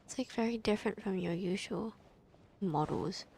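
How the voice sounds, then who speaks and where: A woman's voice: mid-range voice, normal speed, vocal fry, a little mellow, a little hiss or hum. A young woman streamer reacting to a game, gushing and half-whispering as she reads along.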